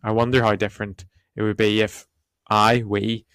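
Croaky guy preaching on a podcast, low voice, thinks out loud. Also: flat delivery, normal speed, dry recording. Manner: reflective, hedging. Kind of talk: podcast discussion.

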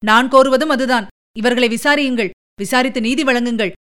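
A woman reading the part of a bold young male warrior envoy, fast and indignant in an audiobook story. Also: on the high side, fairly bright tone, natural voice. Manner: quick, indignant, demanding.

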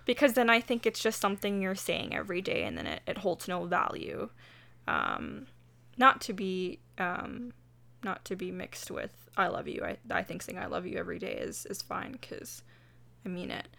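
A woman's voice: fairly low pitch, huge pitch swings, moderate pace, gravelly, pushed and bright. A woman co-hosting a casual podcast, hesitant with many fillers and frequent giggles. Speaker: podcast co-host. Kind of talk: casual chat.

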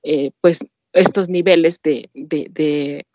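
Effusive low-voiced woman co-host. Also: steady tone, takes it slowly, warm tone, dry recording, dull audio. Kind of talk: casual interview chat.

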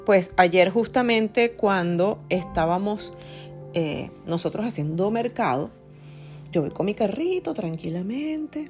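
Chatty woman with a gravelly voice. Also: medium pitch, expressive, takes it slowly, a little mellow, soft background music. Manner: chatty, confiding, addresses listeners directly. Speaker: podcast host. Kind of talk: casual storytelling.

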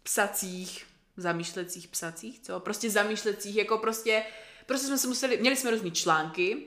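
A woman's voice: mid-range voice, fairly bright tone. Chatty young woman rambling casually. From Czech Republic. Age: young adult. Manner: chatty, rambling, many fillers and restarts. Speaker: guest telling about a language course abroad. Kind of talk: casual chat.

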